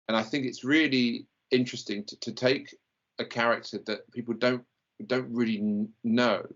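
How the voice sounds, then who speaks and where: A man of middling pitch rambles through his thoughts in a casual chat, stumbling and circling back. The audio sounds dull and lo-fi. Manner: rambling, hesitant, many fillers. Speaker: podcast co-host.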